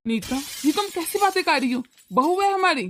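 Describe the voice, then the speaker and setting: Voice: extremely high pitch, animated, brisk, fairly bright tone. A voice actor playing a weary, peacemaking older father-in-law in a cartoon, pleading with his wife. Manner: pleading, soothing. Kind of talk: cartoon voice acting.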